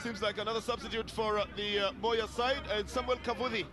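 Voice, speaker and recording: A man with a Kenyan accent giving live football commentary in measured, descriptive phrases. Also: high voice, fairly even intonation.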